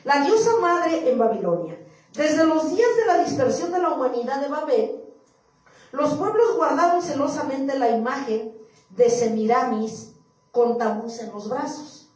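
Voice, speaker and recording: A woman's voice: high-pitched, expressive, measured pace, a little mellow. A woman preacher delivering a sermon to her congregation, reading scripture verses aloud and repeating them. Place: church. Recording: echoey hall, far from mic.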